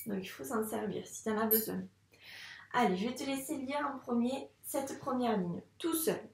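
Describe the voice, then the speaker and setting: A woman's voice: on the high side, normal speed, creaky, reverberant, a little hiss or hum. A woman with a French accent teaching a reading lesson to young children, speaking patiently and encouragingly, drawing out each sound. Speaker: primary school teacher. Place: classroom.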